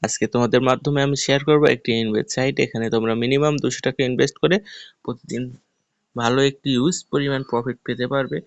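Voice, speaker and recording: A man's voice: mid-range voice, fairly even intonation, fast. Casual man giving a tutorial. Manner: casual, instructive, step-by-step. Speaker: YouTuber. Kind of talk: screen-recorded tutorial walkthrough. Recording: dull lo-fi voice recording.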